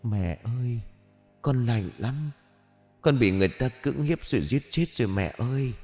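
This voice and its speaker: A man voicing the ghost of a murdered young woman, speaking quietly and sadly to her mother in a horror story. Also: fairly low pitch, lively intonation, moderate pace, in a large hall, soft background music, close to an everyday voice. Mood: sad, hushed. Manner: quiet, subdued pleading. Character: grieving young woman's ghost, soft and cold.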